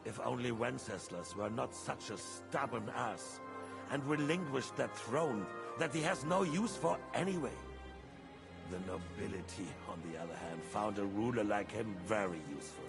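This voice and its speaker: A man's voice: lowish voice, animated, moderate pace, creaky, over music. An actor playing an imperious, embittered medieval king in a video game drama, speaking in a haughty, formal, commanding way. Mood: brooding, confiding.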